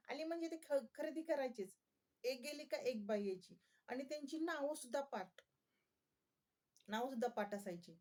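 A woman's voice: on the high side, darkish tone. A woman vlogger chatting casually to her viewers, often laughing and asking them questions.

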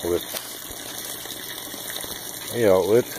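A man's voice: low voice, background noise. A man casually walking through a DIY project outdoors at a rural homestead, talking behind a handheld camera with lots of ums. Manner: unhurried, many ums, explains while filming. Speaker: off-grid DIY vlogger. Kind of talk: casual how-to walkthrough.

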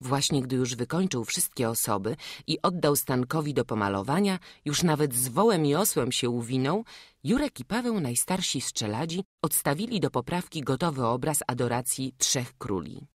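Lady reading a storybook, even measured telling, dry close sound. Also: a bass voice, dry recording. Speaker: audiobook reader. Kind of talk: scripted narration.

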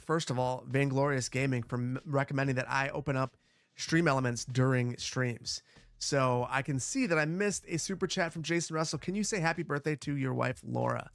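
A man with a boomy, bass-heavy sound on a close broadcast microphone, chatting casually and repeating short phrases as he hosts a gaming livestream. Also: fairly bright tone, no room sound. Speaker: livestream host, gamer. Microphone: close broadcast dynamic microphone.

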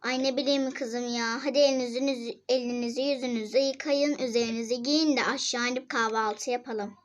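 A woman's voice: fairly high pitch, steady tone, fairly quick, natural voice. A girl voicing a busy young mother in a doll-game role-play, fussing at her kids and nagging about chores. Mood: scolding. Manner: scolding, fussing.

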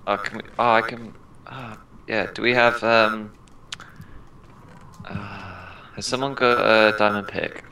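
Young man, laid-back joking game chat, slow and bright-toned. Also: lowish voice, steady tone, slight background noise, poor audio. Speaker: gamer. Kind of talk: casual multiplayer game chat.

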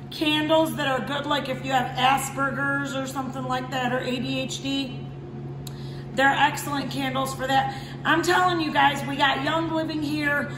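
Chatty woman in an echoey market. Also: high-pitched. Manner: chatty, enthusiastic, keeps saying okay guys. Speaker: shop owner. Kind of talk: product demo vlog. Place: indoor market stall with shelves. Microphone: handheld phone camera. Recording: echoey market hall with background noise.

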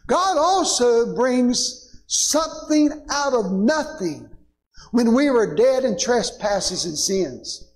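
Male pastor, very high voice, unhurried sermon delivery, asks the congregation for amens. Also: big pitch swings, rough recording. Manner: preaching with rising emphasis, calling "Amen?" to the congregation. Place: church sanctuary.

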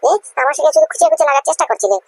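High-pitched, rattling quickly through complaints, this is a woman playing a stubborn, sulking cartoon wife with a big appetite. Her voice is recorded close and dry, with no room around it. She chatters on and on, whining and grumbling. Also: lively intonation, darkish tone, no echo, low-quality recording. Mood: sulky. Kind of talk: cartoon comedy voice acting.

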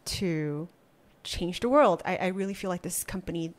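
In a small studio with a wooden wall, a Malaysian startup founder in her thirties answers conversational interview questions into a desk podcast mic. Her voice sits on the low side, and she responds reflectively, pausing often and restarting her sentences.

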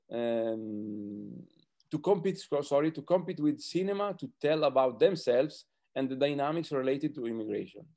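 An Italian film director in his thirties, a native Italian speaker with an Italian accent, speaks hesitantly and searches for words as a panelist in a roundtable held in his second language. His mellow voice is on the high side. He joins the video call by computer from a small, book-lined room at home.

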